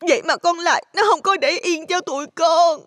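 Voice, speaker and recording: A man's voice: very high-pitched, moderate pace, sharp tone, slight background noise, pitched above the performer's own voice. A man voicing a spiteful young village woman, speaking in a whiny, fake-crying storytelling voice. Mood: fake sobbing. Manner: fake sobbing, whiny and pleading.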